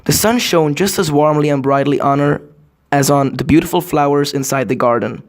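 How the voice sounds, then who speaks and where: Male fairy tale narrator, storybook-opening delivery, gravelly edge, expressive and direct to the listener. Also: on the high side, normal speed. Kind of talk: fairy tale read aloud.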